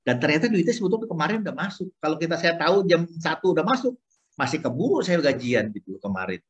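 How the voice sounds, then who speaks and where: A man sharing a personal faith testimony with his Bible study group over a video call, telling it in an animated way and acting out the dialogue. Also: on the high side, quick pace, breathy edge, lo-fi sound. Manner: animated storytelling, acts out dialogue.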